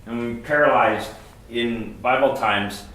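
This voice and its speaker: A man preaching a sermon, telling a story in short phrases and pausing for his interpreter. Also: medium pitch, a bit bright, slight background noise. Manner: storytelling, pauses line by line for the interpreter. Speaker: guest pastor. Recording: very echoey church hall.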